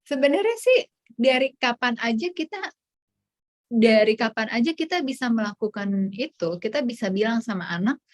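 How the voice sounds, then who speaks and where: A woman's voice: on the high side, animated, moderate pace. A woman psychologist giving an online parenting workshop, explaining in a chatty way and acting out what a parent might say. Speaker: child psychologist speaker.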